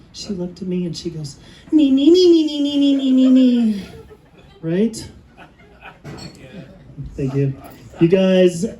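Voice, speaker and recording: Slow, mellow-voiced male stand-up comic. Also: high-pitched, a little hiss or hum, rough recording. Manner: dry storytelling with pauses for laughs. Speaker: stand-up comedian. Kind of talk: stand-up comedy set. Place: comedy stage with a live audience.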